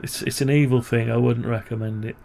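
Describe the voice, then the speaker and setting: A man with a gravelly, creaky voice talks himself through a programming task, half-muttering and tossing in wry grumbles. He speaks at an average pitch, and a steady hiss of background noise runs under the recording. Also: fairly quick. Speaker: programming tutorial presenter. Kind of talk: thinking aloud while working on screen.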